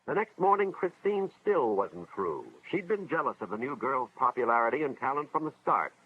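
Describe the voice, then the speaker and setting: The clip is a dull vintage film soundtrack with music behind it, featuring an American man in the role of an earnest school official narrating a 1950s educational film. He's lightly acted but very animated, at a moderate pace in a mid-range voice, telling a dramatic, moralizing story over a bit of hiss or hum.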